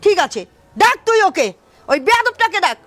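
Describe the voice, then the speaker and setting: Woman acting a proud furious mother, very high voice, bright and cutting, faint music behind. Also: big pitch swings, a little fast, no echo, full character voice. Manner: shrill, insulting, domineering. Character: proud, furious middle-aged mother scolding her daughter.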